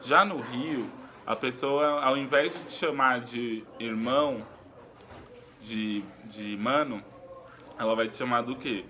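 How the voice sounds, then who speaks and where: A man teaching a recorded lesson in an unhurried, explaining way, pausing often with fillers and restarts. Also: mid-range voice, sharp tone, a little hiss or hum.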